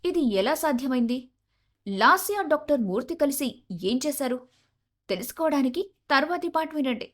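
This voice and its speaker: A woman narrating a romance audio story in an expressive, dramatic way. Her voice sits high. She carries the listener from scene to scene.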